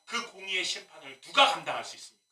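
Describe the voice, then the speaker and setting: A male pastor preaches with a high, strikingly bright and forceful voice that swings widely in pitch. He keeps throwing rhetorical questions and wry asides at his congregation. The sound comes from a distance in an echoey church sanctuary. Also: lively intonation, fast. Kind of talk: sermon. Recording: echoey room, mic at a distance.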